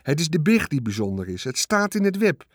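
A man's voice: medium pitch, normal speed, no room sound, studio quality, natural voice. Storybook farmer, middle-aged man, grave and insistent, voiced by a male narrator. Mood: excited insistent. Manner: rising to excited, insistent declaring.

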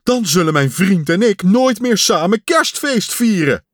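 Fretful storybook toad, loud worried cries, dry close sound, a man reading it. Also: mid-range voice, sing-song, a little slow, no room sound. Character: anxious caring male toad.

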